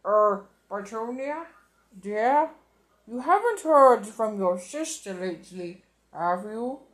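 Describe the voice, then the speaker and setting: A woman's voice: on the high side, lively intonation, slow pace. A woman reading aloud, voicing a stuffy middle-aged husband who mumbles and hesitates nervously.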